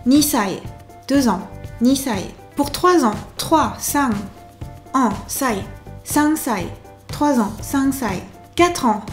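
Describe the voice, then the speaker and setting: Bright high-voiced woman teaching. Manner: upbeat, chatty and encouraging; slow, careful repetition of examples. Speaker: language teacher. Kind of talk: online lesson.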